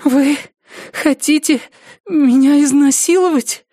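A man voicing a frightened young woman who pleads in a high, trembling voice, in an audiobook reading. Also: slow pace, warm tone, no echo, clean studio sound. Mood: pleading, frightened.

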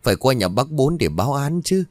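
A man's voice: medium pitch, expressive, a little fast, darkish tone, no room sound, studio quality, close to an everyday voice. A man voicing a frightened middle-aged village woman who pleads shrilly. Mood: panicky.

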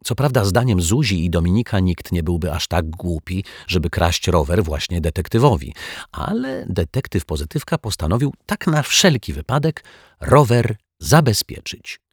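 A man narrating a children's storybook in an expressive, lively storytelling way, close to the mic. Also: sits low, normal speed, husky, dry recording. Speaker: audiobook narrator.

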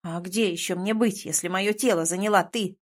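A woman's voice: mid-range voice, steady tone, moderate pace, close to an everyday voice. A woman voicing the irritable ghost of a young prince in a storybook reading. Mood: irritated.

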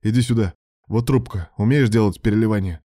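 A man's voice: on the low side, fairly quick, mellow, no echo, clean studio sound, close to an everyday voice. A man voicing a determined male surgeon who gives firm, urgent commands.

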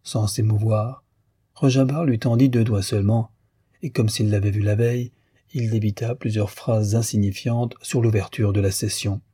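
A man narrating a classic novel as an audiobook, reading in a measured, unhurried literary manner. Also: fairly low pitch, fairly even intonation, dark tone, slightly rough, no room sound, studio quality.

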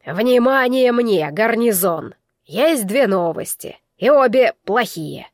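A woman voicing a stern older male garrison commander who speaks curtly and slowly, commanding the room. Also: fairly high pitch, no room sound, clean studio sound, natural voice. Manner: curt, commanding, measured.

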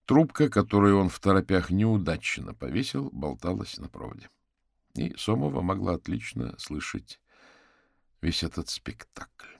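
Deep gravelly male narrator. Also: normal speed, dry recording, studio quality. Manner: expressive, animated reading. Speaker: audiobook narrator. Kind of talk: scripted narration.

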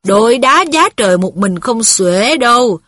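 A man's voice: very high voice, expressive, a little slow, sharp tone, dry recording, studio quality, exaggerated voice. A woman voicing a kindly, plain-spoken middle-aged male worker who talks in an earnest, folksy way. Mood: needling.

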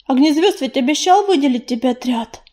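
A woman's voice: sits high, animated, fairly quick, dark tone. Woman voicing a wistful young she-cat. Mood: offering.

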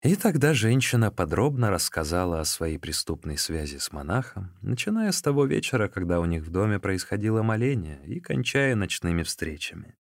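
A man's voice: low-pitched, very animated, a little fast, few pauses, no room sound, studio quality. A man reading a classic novel aloud as narrator, expressively. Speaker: audiobook narrator. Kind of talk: scripted narration.

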